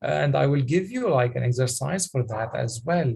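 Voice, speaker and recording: A man coaching public speaking on a video call, talking haltingly with many fillers and restarts. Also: medium pitch, lively intonation, gravelly, darkish tone, husky. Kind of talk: online coaching session.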